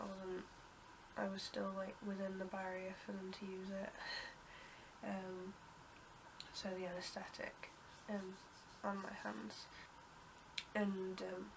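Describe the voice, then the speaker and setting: Her voice blocked up by a cold, a young woman from the UK vlogs a casual story, rambling through ums, restarts and unfinished sentences. Her pitch holds flat and level, with coughs and throat-clearing mixed in. A steady hiss underlies the clip.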